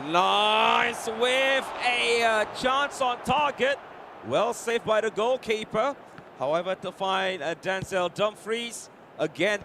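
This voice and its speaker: A man calling a football video game live, with a measured, halting delivery. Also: high-pitched. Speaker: esports match commentator. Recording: noisy venue with crowd.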